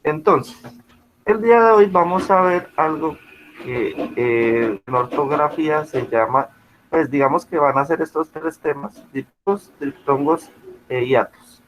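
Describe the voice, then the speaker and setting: A man's voice: fairly high pitch, a little slow, a bit bright. A male teacher giving an online class, explaining patiently and checking often that students follow. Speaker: school teacher. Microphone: video call. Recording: muffled video-call audio.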